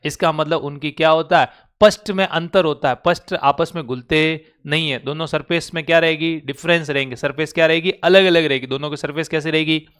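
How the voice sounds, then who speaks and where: A man's voice: a little high, fairly even intonation, fairly quick, hardly any pauses, fairly bright tone, clean tone. A man teaching chemistry in Hindi with a Rajasthani accent, constantly quizzing his students with call-and-response questions. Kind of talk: classroom lecture. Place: online class recording.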